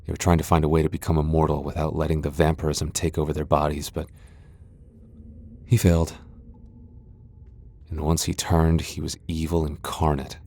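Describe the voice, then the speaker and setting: In an ASMR roleplay drama, a man plays a proud vampire lord with an extremely low voice of dark, mellow tone, exaggerated and monotone, with vocal fry and long pauses at a moderate pace. The character is a guarded loner, sardonic, haughty and unwilling to let anyone near, his mood grim and scornful.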